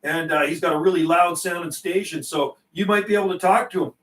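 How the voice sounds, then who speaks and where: A folksy middle-aged CB radio operator hosts a livestream, chatting casually and often saying the same things again. He speaks fairly quickly in a high, slightly bright voice, picked up reverberantly by a distant mic.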